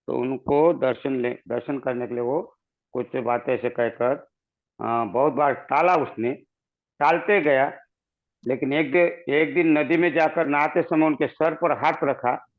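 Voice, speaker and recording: A man tells an old Buddhist story in a halting way, often stopping and starting again. His voice comes through a crackly phone line that keeps cutting out, thin and tinny. It sits a little high for a man. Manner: halting, with many restarts and pauses. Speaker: Buddhist teacher. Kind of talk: storytelling religious talk.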